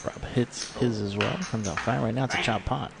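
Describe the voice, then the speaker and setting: A man's voice: mid-range voice, brisk, gravelly. A man calling a live poker game as commentator, joking and trading banter with his co-host. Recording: noisy live stream.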